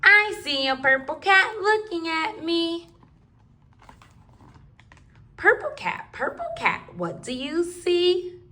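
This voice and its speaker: A woman's voice: very high voice, big pitch swings, unhurried, bright, forceful tone. A woman reading rhyming picture books aloud to toddlers in a sing-song, rhythmic way. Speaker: children's book reader.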